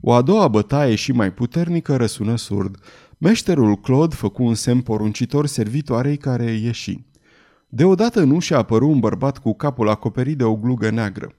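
A man narrating a novel as an audiobook in a measured, dramatic storytelling manner. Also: medium pitch, expressive, mellow.

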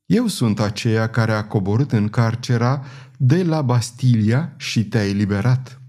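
A man voicing a commanding, scheming noble lady who speaks gently and persuasively, in a storybook reading. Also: mid-range voice, big pitch swings, natural voice. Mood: gentle.

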